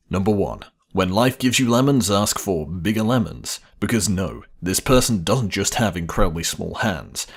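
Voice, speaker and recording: A man reading scripted narration for a list video in a playful, wry way. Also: on the low side.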